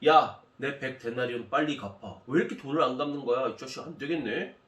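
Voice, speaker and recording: A man voicing a harsh male servant who roughly scolds a poorer debtor. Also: medium pitch, brisk, fairly bright tone, roomy sound, distant mic, close to an everyday voice.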